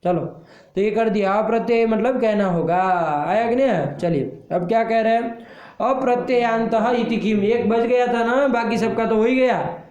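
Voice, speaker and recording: A man's voice: very high voice, normal speed, darkish tone, reverberant, dull audio. A man teaching a Sanskrit grammar class, firing questions at students and scolding them for lazy, half-finished answers.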